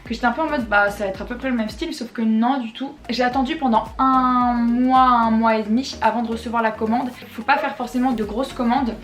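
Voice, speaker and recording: A woman's voice: on the high side, steady tone. Chatty young woman in echoey room. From France. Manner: chatty, slangy, quick asides. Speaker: vlogger. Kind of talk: casual haul chat. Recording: echoey room with faint music.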